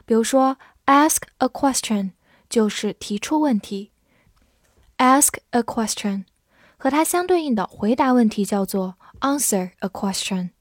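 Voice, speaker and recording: Female English teacher, higher voice, patient and clear, dry close recording. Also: lively intonation, normal speed, no echo. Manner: clear, patient, spells words letter by letter. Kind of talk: vocabulary lesson with slow spelled readings.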